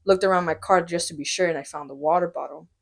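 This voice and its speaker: A woman's voice: lowish voice, fast talker, creaky. A woman in her twenties telling a story in a casual chat with her sister, acting out what people said. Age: 20s. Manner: animated storytelling, acts out quotes. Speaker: podcast co-host.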